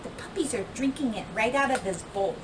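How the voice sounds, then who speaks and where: A woman reads a children's picture book aloud like a teacher, fairly quickly and in a rather high voice. Her expressive storybook reading is animated and emphatic, acting out dialogue and sound words. The microphone is distant, the sound roomy, with clear background noise.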